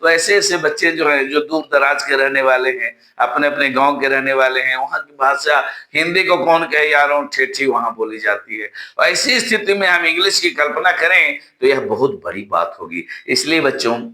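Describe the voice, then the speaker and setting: A man from Bihar teaching a spoken English lesson to students, often calling them children and repeating drill phrases slowly. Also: medium pitch, lively intonation, bright, forceful tone, echoey room. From Bihar, India.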